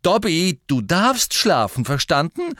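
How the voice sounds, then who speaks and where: Brief: a hurried, direct teenage boy, a little raised, read by a man, dry close sound. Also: fairly high pitch, sing-song, sharp tone, no echo, voice pushed up, full character voice. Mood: brisk. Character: teenage schoolboy, hasty and direct.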